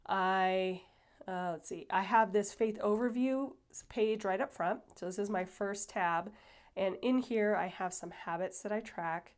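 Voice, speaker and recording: A woman hosting a casual planner flip-through, chatty and rambling with many fillers, sounding a little stuffy and breathy. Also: medium pitch, a little slow. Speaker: planner channel host.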